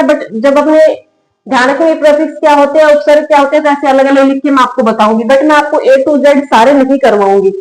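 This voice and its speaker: A woman's voice: high voice, a little mellow. A woman teaching a spoken English lesson, patient and repetitive, asking the viewer questions and repeating each word. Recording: echoey room.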